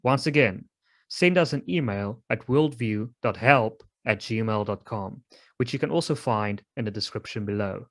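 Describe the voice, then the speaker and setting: A man reading a scripted channel announcement in an upbeat, clear way. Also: fairly low pitch, normal speed, a bit bright. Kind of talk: scripted advertisement read.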